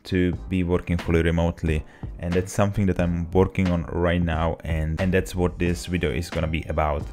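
A young Czech man with a Czech accent and a low voice, speaking a little fast, vlogs from a small home office. He tells his story to camera in a relaxed way, in slightly broken English, using a desk mic on a boom arm.

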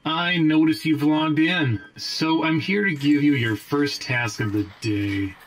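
Bossbot, a stiff slow-talking robot boss. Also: male voice, a little high, fairly bright tone, slight background noise, low-quality recording. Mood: formal. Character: robot boss of an office, male, bossy and formal. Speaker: video game character.

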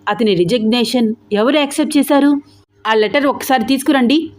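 A woman's voice: fairly high pitch, brisk, voice pushed up, lightly acted. A woman doing an angry young boss. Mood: angry shouting. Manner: shouting, indignant. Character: hot-tempered young male company boss.

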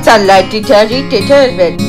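A woman's voice: mid-range voice, normal speed, music in the background. A woman improvising rambling mock-commercial patter in disjointed strings of product names.

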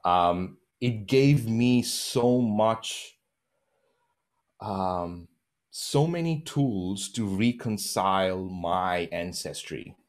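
With a fairly low, animated voice delivered very slowly, this Bahraini man in his thirties reflects earnestly as a podcast interview guest. He calls in by video from home, laughing frequently and starting sentences over.

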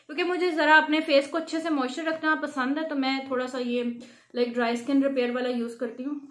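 A beauty vlogger walks viewers through a home skincare routine in a casual how-to vlog, chatty and instructive, often checking in with a "theek hai." Her voice is high and fairly bright, with little pitch movement, and she talks fast.

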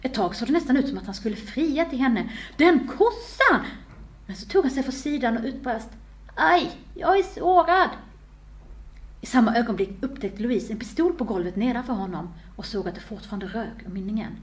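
A woman author reading her own story aloud with expressive storytelling. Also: fairly high pitch, hardly any pauses.

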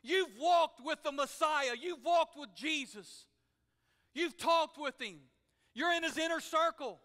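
A man voicing the apostle Peter as a proud man turning remorseful, speaking slowly and emphatically, in a long-reverb hall. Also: very high-pitched, sharp tone, heavily acted. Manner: insistent, slow and emphatic pleading.

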